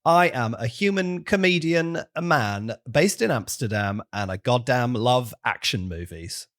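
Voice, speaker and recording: A man's voice: mid-range voice, lively intonation, a little slow, fairly bright tone. A man hosting a podcast in casual comedic chat, with a jokey, wry manner. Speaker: podcast host.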